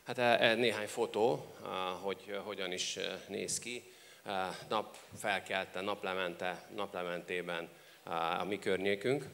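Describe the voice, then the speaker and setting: A man working as a live consecutive interpreter, with a halting delivery. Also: low-pitched, fairly even intonation, creaky, fairly bright tone. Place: large reverberant hall. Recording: echoey hall with background noise.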